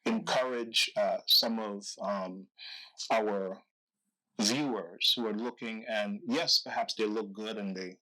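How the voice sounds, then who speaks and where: A man from Guyana hosting an interview, feeling his way through each question with ums and restarts. He talks very slowly, and his voice has a bright, forceful edge. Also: fairly low pitch, fairly even intonation, poor audio. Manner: slow, halting, with many ums and repeated words. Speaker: interview host.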